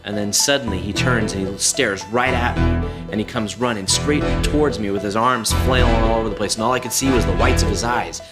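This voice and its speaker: A man's voice: fairly low pitch, natural voice. An actor playing a shy, prickly man in a support group who stammers and turns defensive. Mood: haunted. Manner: halting, stammering storyteller, defensive. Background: loud music.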